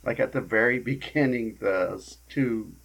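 A man in a casual podcast chat, halting and searching for words. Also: medium pitch, creaky, a bit bright.

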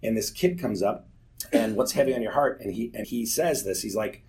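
The voice is fairly low and a bit mellow, moving at a normal speed. It belongs to a man in his forties who candidly and earnestly recounts his personal testimony before a church group, mixing in self-deprecating humor.

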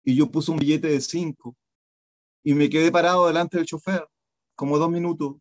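Chilean-accented male guest, lively anecdote teller, higher pitch. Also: normal speed, no room sound. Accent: Chilean Spanish. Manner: animated storyteller, acts out voices. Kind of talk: casual anecdote telling.

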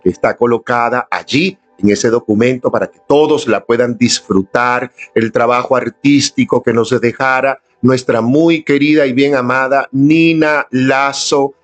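Slow, earnest man leading a prayer. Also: medium pitch, soft background music. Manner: earnest, inviting, addresses viewers directly. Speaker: prayer leader. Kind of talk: live-streamed devotional talk. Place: indoors at home, filming on a camera.

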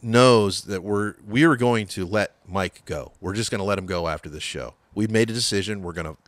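A man's voice: fairly low pitch, fairly quick, no echo. A man telling band stories in a loose podcast chat, full of swearing, acting out other people's lines as he goes. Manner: profane storytelling, acts out quotes.

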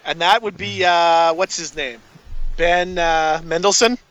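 High, bright-voiced excitable man. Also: unhurried, highs cut off. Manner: excitable, profane, rambling with many restarts. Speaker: podcast co-host. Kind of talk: casual movie review chat.

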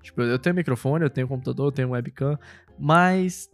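Laid-back Brazilian podcast host. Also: male voice, mid-range voice, a little fast, faint music behind. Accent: Brazilian Portuguese. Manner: laid-back, slangy, laughing often. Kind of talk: casual podcast chat.

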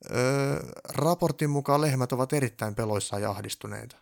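A man doing a loud, pompous tinkerer elf. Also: mid-range voice, vocal fry, voice pushed up, lightly acted. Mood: self-assured. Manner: loud, self-assured, pompous.

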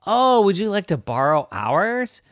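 Big T-Rex neighbors from a bedtime story, as a man puts them on, gruff yet polite and friendly. The delivery is slow and unhurried, recorded close and dry. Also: sits high, very animated, a bit bright, no room sound, voice pushed up, exaggerated voice.

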